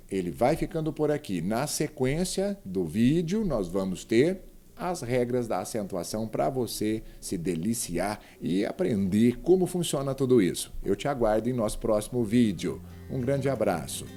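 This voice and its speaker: A man with a Brazilian accent teaching a Portuguese grammar lesson. He speaks straight to the viewer and drags out example words slowly so they can be clearly heard. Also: mid-range voice, warm tone. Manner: didactic, spells words out slowly and addresses the viewer directly.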